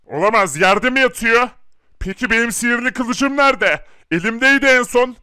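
A frantic thief boss barks orders, as a man acts him out, urgent and commanding. His voice is very high and bright with a crisp, clean tone. It is dry and close, like a home-recorded cartoon. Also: animated, moderate pace, no room sound, full character voice. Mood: alarmed. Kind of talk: hobby animation voice acting.

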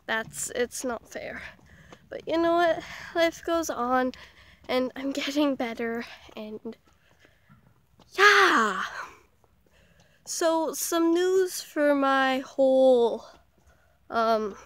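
Hoarse young woman vlogging outdoors. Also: high-pitched, lively intonation, a bit bright, no room sound. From Canada. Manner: self-mocking, chatty, halting. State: hoarse with the flu. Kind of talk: casual vlog while walking outdoors. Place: outdoors in a small town.

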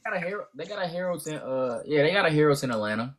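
A young man from Gary, Indiana, co-hosts a TikTok live, chatting casually in a laid-back, slangy, teasing way with a Midwestern American accent. His voice is fairly high and fast, with lively intonation.

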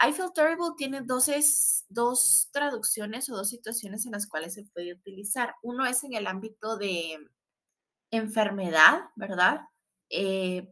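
Bright-voiced woman teaching English. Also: medium pitch. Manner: explains in Spanish, models English words slowly, adds tag questions. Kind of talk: recorded online language lesson.

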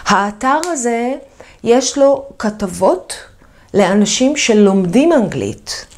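Lively woman teaching a video lesson. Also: fairly high pitch. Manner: lively, emphatic explaining, repeats key words. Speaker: English teacher.

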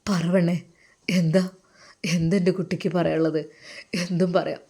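A woman voicing a gentle, remorseful young man, speaking softly. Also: on the low side, little pitch movement, a little slow, pitched below the performer's own voice. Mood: tender.

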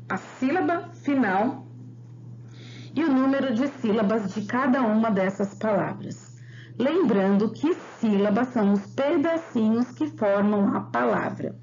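A woman with a Brazilian Portuguese accent runs a class for young children, reading the alphabet and syllable families one by one. She speaks very slowly and spells each sound out with care. The recording is dull and lo-fi, with a faint hiss underneath. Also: a little high, darkish tone. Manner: slow, drawn-out syllable drills. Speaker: teacher.

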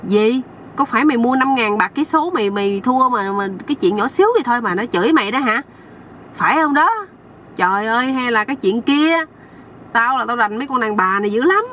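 A woman's voice: on the high side, expressive, brisk, fairly bright tone, far from the mic, a little hiss or hum, voice pushed up. Woman doing a bossy know-it-all old village man. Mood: lecturing. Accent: Southern Vietnamese. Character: nosy, boastful older village man.

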